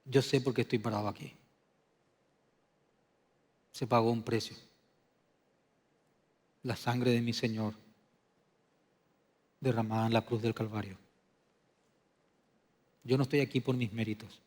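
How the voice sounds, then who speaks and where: A man preaching a sermon as pastor, dropping to a hushed, low delivery and then rising to loud, emphatic declarations. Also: fairly even intonation, a little slow, pauses often. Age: adult. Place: church sanctuary. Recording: long reverb of a church hall.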